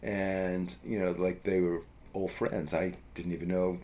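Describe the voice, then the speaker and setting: A man's voice: low voice, flat delivery, measured pace, darkish tone. Rambling New man telling a story. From US East Coast. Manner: rambling, many fillers and restarts. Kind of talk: casual storytelling.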